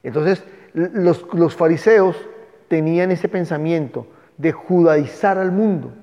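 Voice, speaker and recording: A man's voice: on the high side, measured pace, mellow. A man teaching a Bible class, speaking emphatically and stopping to dictate spellings to his students. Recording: echoey, dull room recording.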